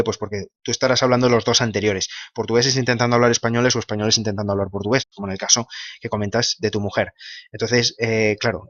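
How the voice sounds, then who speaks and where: A man talks briskly to his camera, answering viewer comments and thinking out loud. He keeps checking in with little tag questions as he goes. The sound is close and dry, and a bit dull and lo-fi. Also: mid-range voice, no room sound. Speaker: video blogger answering comments. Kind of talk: casual monologue.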